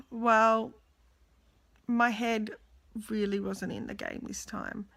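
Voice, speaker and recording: A woman's voice: on the high side, flat delivery, very slow, creaky, a bit bright. A young adult woman, talking candidly and tiredly in a casual video diary, exhausted and emotional. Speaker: vlogger.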